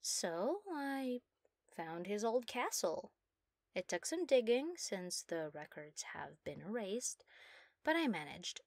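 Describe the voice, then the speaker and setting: A woman voicing a proud, giddy young mad scientist obsessed with her work, theatrical and self-satisfied, in a soft ASMR role-play. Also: medium pitch, big pitch swings, slow, dry recording, full character voice. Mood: matter-of-fact storytelling.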